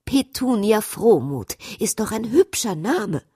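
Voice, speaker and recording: A woman voicing a fussy, distracted adult queen who talks in a gentle, mildly scolding way. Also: medium pitch, very animated, slow pace, breathy edge, no echo, studio quality, voice pushed up, exaggerated voice. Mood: soothing.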